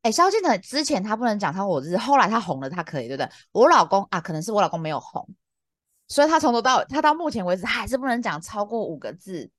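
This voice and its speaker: 一位三十多岁、带台湾口音的女播客主持人，闲聊时讲故事，语气激动、无奈，常常笑。. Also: female voice, rapid-fire, no echo, clean studio sound. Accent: Taiwanese Mandarin. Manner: exasperated, lively, laughs often, big pitch jumps. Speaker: podcast co-host. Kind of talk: casual chat, animated storytelling.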